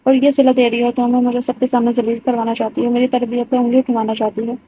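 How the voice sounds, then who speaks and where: A woman's voice: a little high, flat delivery, warm tone, muffled recording, slight background noise, close to an everyday voice. A woman voicing a strict but loving middle-aged mother who speaks firmly. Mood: stern.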